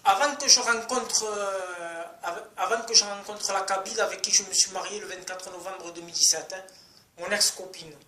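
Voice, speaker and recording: A man's voice: sits high, steady tone, normal speed, bright, forceful tone, echoey room. A man in his thirties from France, ranting crudely and repetitively to camera in a casual outdoor vlog. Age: 30s. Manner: rambling, crude, repeats himself. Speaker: vlogger. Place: outdoors in sunny street.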